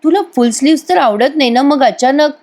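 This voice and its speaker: A woman's voice: sits high, brisk, a little mellow, pitched above the performer's own voice, close to an everyday voice. Cheerful teasing sister-in-law, as a woman reads her.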